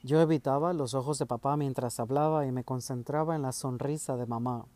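A man reading a first-person story aloud in a measured, steady way. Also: mid-range voice, no echo. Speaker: audiobook narrator.

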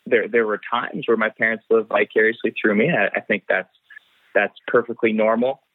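A man's voice: on the low side, no echo. A man from Canada, a race car driver, talking over the phone in an interview and often repeating words as he thinks. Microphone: phone line. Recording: tinny dry phone line.

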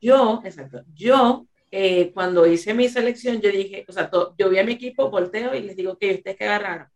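A young woman co-hosting a casual podcast, telling a lively story about her office and laughing as she goes. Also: mid-range voice, moderate pace. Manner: animated anecdote-teller who laughs mid-story. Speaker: podcast co-host. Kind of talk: casual chat.

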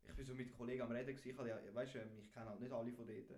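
A young man from Switzerland with a Swiss German accent, co-hosting a podcast and telling an animated, slangy story full of acted-out quotes. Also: mid-range voice, very fast. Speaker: podcast co-host. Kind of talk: casual storytelling chat. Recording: roomy echo.

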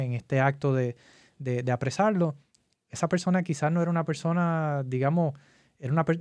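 Earnest man speaking in measured tones. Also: mid-range voice, darkish tone, dry recording, clean studio sound. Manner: measured and earnest, with rhetorical questions. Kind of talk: casual faith discussion.

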